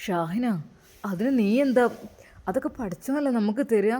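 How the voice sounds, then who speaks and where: A woman voicing a gentle, loving young husband in an amateur story drama. She speaks in a Malappuram Malayalam accent, soft and soothing. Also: mid-range voice, lively intonation, normal speed, lightly acted.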